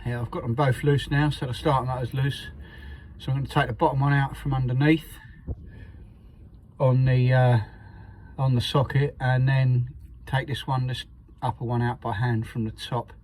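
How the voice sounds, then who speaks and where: A man's voice: mid-range voice, little pitch movement, normal speed, a little mellow, slight background noise. A man casually talking through a van repair as he works, plain-spoken and full of fillers and restarts. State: out of breath. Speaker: van mechanic showing a repair. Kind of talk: casual how-to talk.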